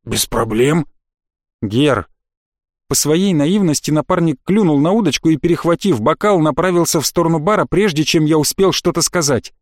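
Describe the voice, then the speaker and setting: Male audiobook narrator, steady storytelling, fairly high voice, dry close sound. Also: brisk, hardly any pauses, no room sound.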